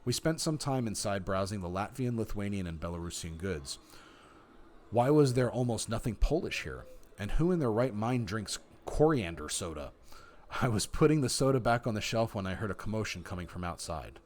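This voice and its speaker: A man's voice: on the low side, animated, normal speed, darkish tone, a little hiss or hum. A man streaming a story game, reading its text aloud and announcing his choices.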